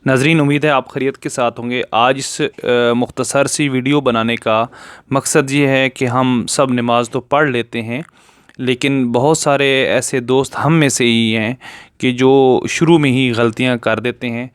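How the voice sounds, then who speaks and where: A man giving a patient video lesson on correct prayer recitation, slowing down to draw out each Arabic word. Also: medium pitch, fairly even intonation, clear, resonant tone, no room sound, clean studio sound. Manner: patient, explanatory, slows down to draw out Arabic words. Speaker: religious teacher.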